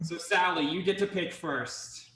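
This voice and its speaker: A man's voice: on the high side, a little slow, a bit bright, reverberant, slight background noise, rough recording. A man hosting a casual group video chat, telling stories in a joking manner. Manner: joking, storytelling. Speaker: host.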